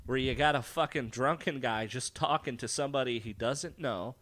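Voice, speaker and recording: A man's voice: mid-range voice, normal speed. A man co-hosting a podcast, chatting casually about a film, swearing often and restarting his sentences. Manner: swearing, restarts, lively back-and-forth. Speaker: podcast co-host.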